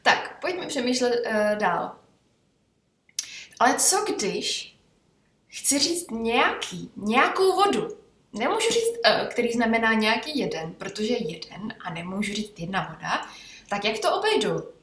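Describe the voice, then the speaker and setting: A fairly high-voiced woman explains grammar like a patient tutor, pausing to check that her students follow. Her voice sits back from the mic in a roomy, echoing space. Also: very animated, a bit bright. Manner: chatty, checks in with "ok?" and "jo?". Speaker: English teacher. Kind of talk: explanatory language lesson. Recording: echoey room, voice from far off.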